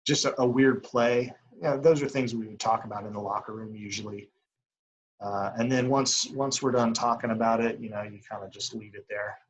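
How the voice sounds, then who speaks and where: A young man in a casual interview as an umpire, talking in a rambling, halting way full of filler phrases. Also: fairly low pitch, fairly bright tone, rough recording. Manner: rambling, halting, frequent "you know". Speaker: baseball umpire as interview guest. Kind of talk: casual chat.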